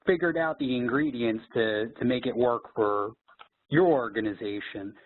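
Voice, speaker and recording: A man's voice: mid-range voice, moderate pace, slightly rough. A man hosting a podcast interview, asking long questions and restarting his phrases. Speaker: podcast host. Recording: tinny phone line with faint noise.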